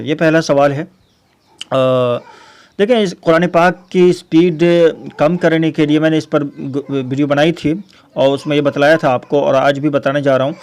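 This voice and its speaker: A man's voice: medium pitch, a little mellow. A man, a Quran teacher answering viewer questions in a casual spoken lesson, explaining patiently and repeating his points.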